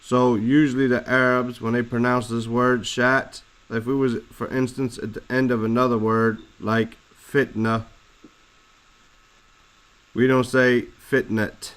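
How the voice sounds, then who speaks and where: A man teaching a lesson, explaining Arabic words slowly and deliberately, spelling out letters and roots. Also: medium pitch, level tone, fairly bright tone, clean tone, low-quality recording. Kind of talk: classroom explanation of Arabic text.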